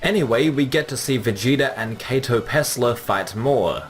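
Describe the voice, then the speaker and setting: A man's voice: medium pitch, moderate pace, faint music behind. Man giving scripted episode preview commentary. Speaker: video host, anime commentator.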